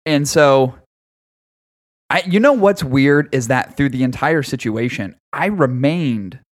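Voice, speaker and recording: A man's voice: mid-range voice, lively intonation, takes it slowly. Man, thirties, casual podcast chat, teasing, cross-examining tone.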